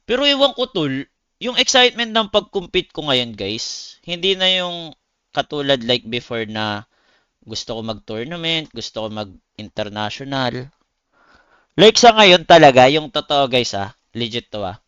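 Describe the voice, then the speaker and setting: This man from the Philippines, a game streamer who also plays esports competitively, swears freely and uses blunt slang as he chats with viewers he treats as buddies. His mid-range voice is very animated and a little slow, with a bright, forceful yet smooth tone. The recording is dry, and the highs are cut off.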